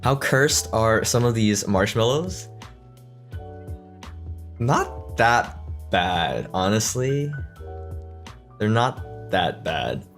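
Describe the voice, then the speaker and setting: A man's voice: fairly low pitch, big pitch swings, drawn-out words, long pauses, fairly bright tone. Laid-back man chatting with faint music behind. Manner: easygoing, laughs often, restarts words. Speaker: streamer host. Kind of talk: casual chat reading fan questions. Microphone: desk mic.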